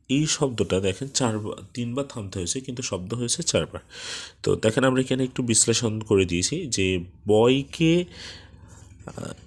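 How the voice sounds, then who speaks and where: A man with a fairly low voice teaching a grammar lesson. He explains patiently and unhurriedly, with frequent hesitant fillers, and stretches each example word out slowly.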